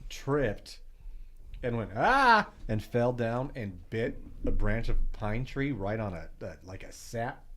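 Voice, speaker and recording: A man's voice: fairly low pitch, measured pace, darkish tone, a little hiss or hum. A man co-hosting a beer podcast, chatting casually and joking as he swears freely. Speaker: podcast co-host. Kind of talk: casual beer-tasting chat.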